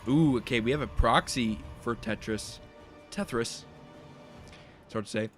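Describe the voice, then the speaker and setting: A man's voice: mid-range voice, measured pace, a bit bright, faint music behind. A young man giving play-by-play commentary on a strategy game, speculating on each move as it happens. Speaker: esports caster.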